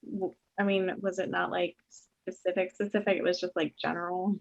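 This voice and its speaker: A woman's voice: on the low side, little pitch movement, a little fast, creaky, lo-fi sound. A woman playing in a tabletop game, asking questions in casual chat. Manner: inquisitive, asks many questions. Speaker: player.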